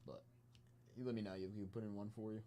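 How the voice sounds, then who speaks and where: Low-pitched man hosting a card-break stream. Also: level tone, fast, dark tone, slight background noise. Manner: off-the-cuff, chatting with viewers between spot counts. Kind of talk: casual live-stream sales chat, hyping card breaks.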